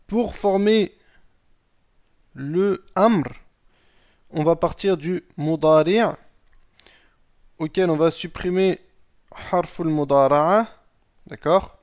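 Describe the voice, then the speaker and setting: A man teaching an Arabic grammar lesson in a slow, patient way. He explains step by step, reads Arabic sentences aloud, translates them and often checks in with "d'accord?". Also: on the high side, darkish tone.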